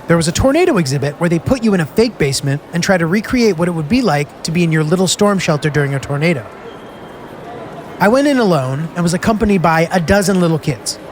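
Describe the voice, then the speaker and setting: A man's voice: on the high side, a little hiss or hum. A man hosting a travel series, telling his road trip in scripted narration with wry, self-deprecating humor.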